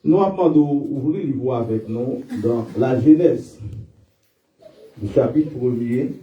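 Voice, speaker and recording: A man preaching a sermon in church, calling out to his congregation for responses and reading scripture slowly and emphatically. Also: mid-range voice, warm tone. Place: church sanctuary. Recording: echoey hall, distant dull mic.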